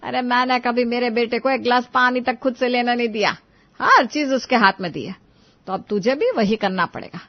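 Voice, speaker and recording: A woman's voice: fairly high pitch, normal speed, muffled recording, close to an everyday voice. A woman doing a bossy, scolding mother-in-law. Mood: angry. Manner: scolding, taunting, complaining. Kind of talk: animated story voice acting.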